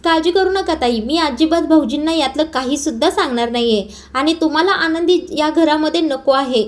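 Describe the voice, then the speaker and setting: A woman doing a jealous young sister-in-law, taunting, bitter, high-pitched. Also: brisk, natural voice. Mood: spiteful.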